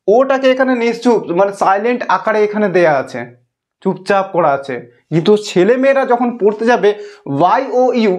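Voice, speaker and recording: A man teaching an English lesson to children, explaining step by step and checking in with "okay". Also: sits high.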